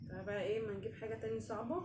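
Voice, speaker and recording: A woman's voice: mid-range voice, steady tone, racing, far from the mic. A young woman with an Egyptian Arabic accent, bantering and teasing through a casual quiz game with a friend. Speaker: singing challenge contestant and questioner. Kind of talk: playful casual quiz chat. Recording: echoey room, off-mic, faint noise.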